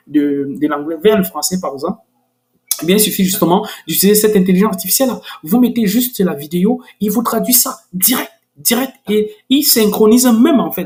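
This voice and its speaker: A man hosting a screen-recorded software tutorial, hesitant and full of restarts, growing enthusiastic. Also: sits high. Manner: hesitant, many restarts and fillers.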